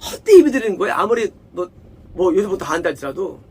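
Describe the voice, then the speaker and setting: A man with a strikingly high voice preaches an expository Bible sermon. He talks in a plain conversational way, over and over tossing rhetorical questions like "what is it?" to his listeners. He repeats key words to drive his point home. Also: very animated, fast talker, a little mellow, breathy edge. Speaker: pastor.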